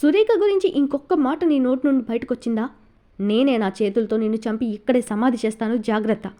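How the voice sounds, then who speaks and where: A woman's voice: fairly high pitch, a little fast, close to an everyday voice. A woman reading Pratap, a stern enraged older man. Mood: furious. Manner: shouting threats.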